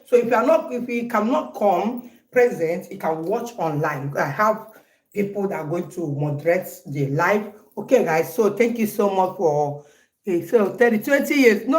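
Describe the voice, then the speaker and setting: A Nigerian woman in her forties chats casually to viewers in a home birthday vlog, playfully repeating herself. Her medium-pitched voice is a little mellow with lively intonation and an unhurried pace, and the rough recording carries an echoey room sound.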